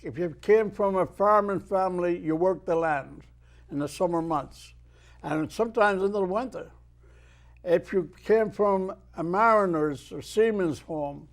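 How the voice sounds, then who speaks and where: An elderly man from Ireland, a guest who is a retired merchant mariner and poet, speaks slowly in a high-sitting, gravelly voice. He is a measured storyteller, taking his time with tales and reciting poetry with swelling emphasis.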